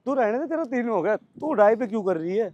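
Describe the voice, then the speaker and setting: A male coach with a Delhi Hindi accent calling brisk commands and scolding his trainees at practice. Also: high-pitched, lively intonation, darkish tone, no echo, muffled recording.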